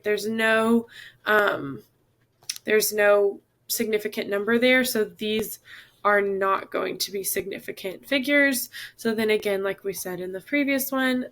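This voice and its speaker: A hoarse woman teaching a chemistry lesson, patiently explaining each step and often saying "all right" and "okay". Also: medium pitch, fairly bright tone. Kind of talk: classroom lesson.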